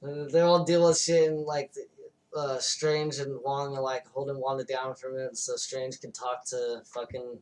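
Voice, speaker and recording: A man's voice: medium pitch, little pitch movement, moderate pace, a little mellow, distant mic. A man co-hosting a podcast, retelling a movie plot in casual, profane chat. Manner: loose, profane retelling with acted-out quotes. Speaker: podcast co-host.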